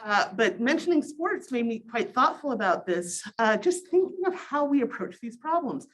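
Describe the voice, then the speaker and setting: A woman's voice: fairly high pitch, lively intonation, moderate pace. A middle-aged woman giving an informal academic presentation through a cloth face mask, conversational with wry asides, in a small conference room. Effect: speaking through a cloth face mask. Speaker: presenter, sociology professor.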